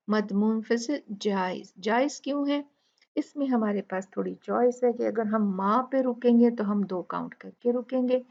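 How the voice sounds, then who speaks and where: Slow gravelly woman teaching tajweed. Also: on the high side, darkish tone, muffled recording. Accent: Urdu. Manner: explains rules step by step, then recites words slowly. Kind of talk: Quran recitation lesson.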